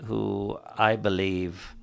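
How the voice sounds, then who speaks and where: A man on a conference panel answers in a deliberate, formal manner. His voice sits low and has a creaky, gravelly texture. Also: flat delivery.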